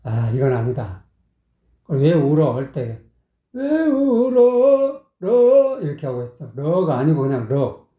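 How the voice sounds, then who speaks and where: A singing critic breaks down a singer's performance bluntly and scoldingly, tossing in short affirmations along the way. His mid-range voice is warm and moves at a normal pace, though the sound is lo-fi with a roomy echo.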